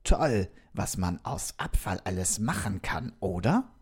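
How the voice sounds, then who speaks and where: A man playing a lively curious robot. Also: sits low, unhurried, breathy edge, exaggerated voice. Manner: lively, talks directly to the kids with questions. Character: friendly male robot visitor from another planet, curious. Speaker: storyteller addressing children. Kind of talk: children's story narration.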